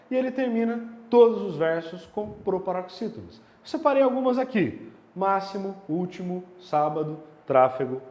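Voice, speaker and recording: A man teaching a grammar lesson, animated and checking in with the viewer through rhetorical questions. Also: high voice. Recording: roomy with a long reverb tail.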